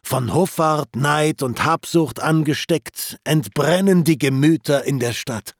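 A man's voice: fairly high pitch, takes it slowly, no room sound, clean studio sound. A man reading the part of a lamenting male glutton's ghost in an epic poem, with raised, pleading declamation.

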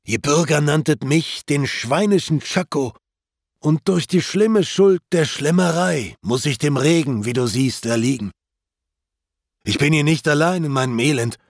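A man's voice: fairly high pitch, expressive, measured pace, creaky, dry recording, studio quality, full character voice. A man reading the part of a lamenting male glutton's ghost in an epic poem, with raised, pleading declamation.

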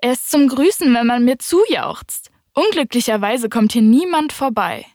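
A woman reading an audiobook, voicing a vain, boastful man who loudly demands admiration. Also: a little high, expressive, normal speed, dry recording, studio quality, pitched above the performer's own voice, close to an everyday voice. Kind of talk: audiobook character voice.

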